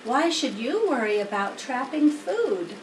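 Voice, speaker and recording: A woman's voice: high-pitched, big pitch swings, unhurried. A woman voicing a wise, plain-spoken female spider from a children's storybook, matter-of-fact and instructive. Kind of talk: children's storybook character reading. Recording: roomy, distant mic, faint noise.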